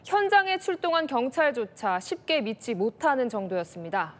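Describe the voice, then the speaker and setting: A woman's voice: fairly high pitch, sing-song, normal speed, long reverb tail. A woman presenting scripted news introductions as an anchor.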